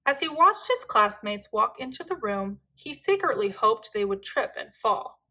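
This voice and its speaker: A woman reading a children's storybook aloud in an expressive, deliberate, dramatic way. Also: fairly high pitch. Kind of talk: expressive scripted read-aloud narration for children.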